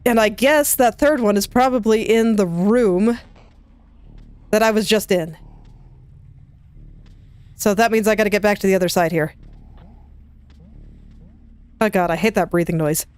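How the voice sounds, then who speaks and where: A woman's voice: medium pitch, darkish tone, clear, resonant tone, dry recording. Chatty woman narrating her gameplay. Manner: chatty, self-talking, quick laughs. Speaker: let's play gamer. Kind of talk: casual game commentary.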